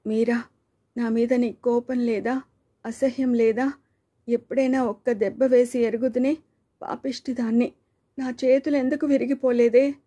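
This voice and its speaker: A woman's voice: on the high side, fairly even intonation, normal speed, warm tone, voice pushed up, natural voice. A woman voicing a distraught middle-aged mother who cries and pleads in anguished outbursts. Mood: tearful remorse.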